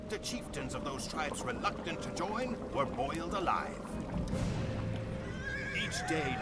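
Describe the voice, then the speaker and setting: An actor, his natural voice on the high side, plays a grim Mongol warrior solemnly recounting his Khan's conquests in dramatic game cutscene narration. His phrasing is deliberate, and the mood is grave and proud.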